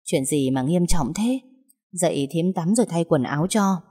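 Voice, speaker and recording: A woman's voice: on the low side, animated, moderate pace, dark tone, breathy edge. A woman voicing a protective, motherly older kitchen aunt who comforts and scolds by turns, in a storybook reading. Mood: tender. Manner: soothing, then firm and scolding. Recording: long hall reverb.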